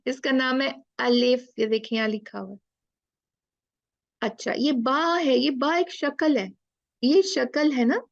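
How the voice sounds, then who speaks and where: A woman teaching a live online class, speaking very slowly with a gravelly edge in a fairly high voice. She stretches each letter sound out patiently and mixes English phrases into her talk. The audio is dry and dull, like a laptop mic on a call. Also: no echo. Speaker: Quran recitation teacher.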